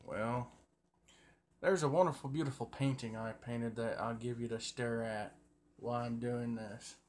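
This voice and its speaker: A man's voice: mid-range voice, fairly even intonation, unhurried. Folksy man chatting, noisy phone recording. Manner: folksy, colloquial. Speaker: livestream host. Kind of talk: casual rambling chat to viewers.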